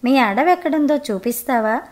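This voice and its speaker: A woman's voice: high voice, animated, normal speed, darkish tone. Woman voicing a simple wild forest hunter. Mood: innocent. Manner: simple, guileless questions. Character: naive wild male forest hunter, gruff.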